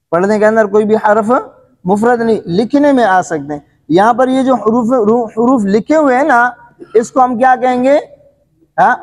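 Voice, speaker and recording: A man teaching a Quran recitation lesson, quizzing his listeners with repeated questions and answers, coughing and clearing his throat now and then. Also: extremely high pitch, darkish tone, in a large hall. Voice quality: repetitive question-and-answer teaching, frequent filler phrases. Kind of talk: classroom tajweed lesson.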